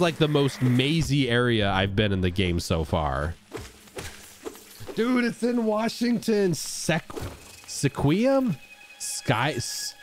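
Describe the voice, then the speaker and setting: A man streaming a video game, chatting casually and rambling while he greets and answers his viewers. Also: slight background noise. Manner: animated, jumps into high excited outbursts. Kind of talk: casual live-stream gameplay chat.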